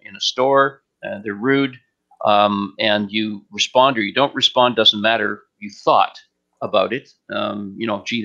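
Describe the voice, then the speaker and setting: On an online stream, a spiritual teacher answers questions off the cuff, his mid-range voice pushed and bright. He talks with deliberate emphasis and many pauses, and the sound quality is lo-fi.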